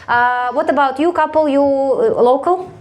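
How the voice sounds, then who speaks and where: Eine Komikerin, die auf einer Live-Bühne stumpf und neckend mit dem Publikum spricht und oft lacht. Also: female voice, high-pitched, moderate pace. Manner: blunt, teasing, laughs often. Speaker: stand-up comedian. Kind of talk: stand-up crowd work. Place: live comedy stage.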